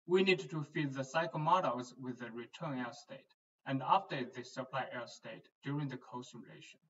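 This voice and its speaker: A man, a research engineer, giving a scripted, measured technical explanation as a voice-over for presentation slides. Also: mid-range voice, a bit bright, slight background noise. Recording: distant, dull lo-fi voice-over.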